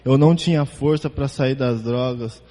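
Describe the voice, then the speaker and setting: A man with a Brazilian Portuguese accent giving an emotional church testimony, halting and repeating words as he speaks. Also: medium pitch, dark tone, big-room sound.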